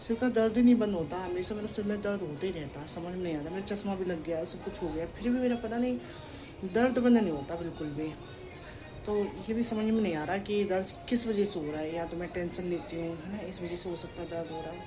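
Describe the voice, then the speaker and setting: A young woman talks to her camera at home in an easy, rambling way. She chats on without pause, speaking into a clip-on mic. Music plays under her voice. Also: on the low side, rough recording. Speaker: vlogger. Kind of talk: casual home vlog. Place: indoors at home.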